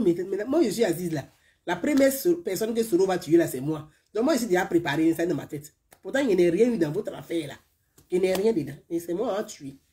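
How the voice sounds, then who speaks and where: Talking casually to her live-stream audience, a woman from Côte d'Ivoire offers political commentary in an Ivorian French accent. Her mid-range voice is emphatic and repetitive, with sentences that often soften and trail away.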